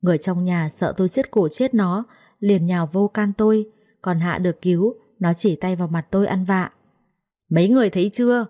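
A woman telling a first-person story in a steady, even-paced reading. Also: on the low side, normal speed.

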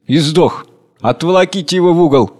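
Man doing a bullying chairman, shouting, contemptuous, high-pitched, loud, stage-play reading. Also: a little fast, long reverb tail, close to an everyday voice. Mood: bossy. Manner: shouting orders, harsh and contemptuous. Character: hot-tempered bullying male meeting chairman.

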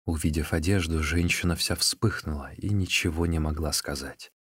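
A man's voice: rumbling low, steady tone, normal speed, fairly bright tone, slightly rough, no room sound, clean studio sound. A man reading a classic novel aloud as narrator, expressively. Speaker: audiobook narrator. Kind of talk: scripted narration.

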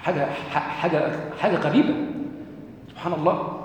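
A man's voice: a little high, fairly quick. A man with an Egyptian Arabic accent giving a religious lecture, asking questions and answering them himself. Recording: echoey hall recording.

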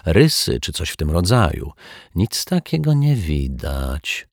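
A man reading a children's detective story, voicing a calm, clever detective who sets out his deductions in a measured way. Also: rumbling low, creaky, no echo, clean studio sound, exaggerated voice. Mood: reasoning.

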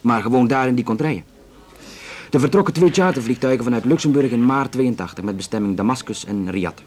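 In a naturalistic radio drama, a Flemish-accented man voices a chatty Belgian police investigator who explains things plainly, with a few hesitations. His natural, mid-range voice has a darkish tone and moves a little fast, sounding matter-of-fact and confiding.

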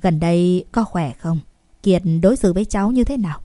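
A woman voicing a gentle, uneasy elderly grandmother who speaks softly in a storybook reading. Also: on the low side, lively intonation, fairly quick, no echo, studio quality, natural voice. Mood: tender. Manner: soft, tender.

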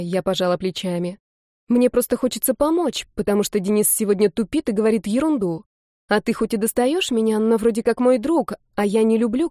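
A woman narrating a first-person novel aloud, giving the heroine's lines a playful, expressive delivery. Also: medium pitch, dry recording, studio quality. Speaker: audiobook narrator. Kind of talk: first-person novel reading with voiced dialogue.

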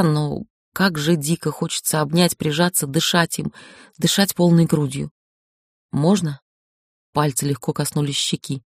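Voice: medium pitch, a little mellow, dry recording, studio quality. An audiobook narrator reading a first-person novel in a wry, emotional inner-monologue manner.

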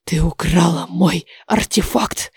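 A furious male dragon, put on by a woman narrator, hisses and growls each word slowly and low, all menace and cold rage. The recording is dry and close, with no room sound around the voice. It reads like a dark fantasy storybook villain. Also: level tone, no room sound, close to an everyday voice. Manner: low, slow, hissing menace.

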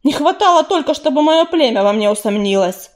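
A woman voicing a stern male cat clan leader, curt and gruff in an audiobook. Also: a little high, moderate pace, darkish tone, natural voice. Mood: brusque.

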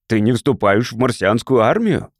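A man's voice: mid-range voice, very animated, moderate pace, no room sound, studio quality. A man playing a blustering old patriot. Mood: outraged. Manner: shouting, indignant. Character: furious old Martian father-in-law, blustering patriot.

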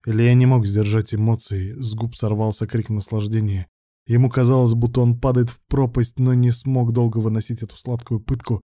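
A man narrating a story as an audiobook in a steady, even reading. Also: mid-range voice, fairly quick, no room sound, clean studio sound.

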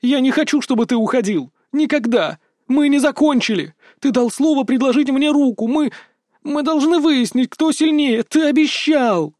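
A man voicing a stubborn young woman, a bull's daughter, who shouts defiantly through tears. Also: very high-pitched, moderate pace, no echo, studio quality, pitched above the performer's own voice. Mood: desperate, shouting. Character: fierce stubborn young bull-girl fiancée.

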